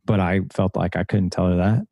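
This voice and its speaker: A man's voice: low voice, level tone, fairly quick, gravelly, mellow, no echo. A middle-aged man, a coach and podcast guest, talking earnestly and repeating his key points. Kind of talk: conversational podcast interview.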